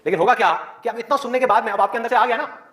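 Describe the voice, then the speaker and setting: A male biology teacher giving a motivational talk to his students, with many rhetorical questions and a lively, persuasive manner. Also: very high voice, very fast, reverberant.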